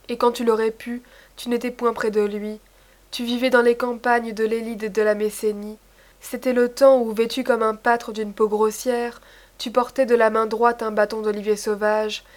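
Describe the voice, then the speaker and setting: Female narrator, fairly high voice; formal, measured storybook reading. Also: a little mellow. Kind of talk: scripted narration of a myth.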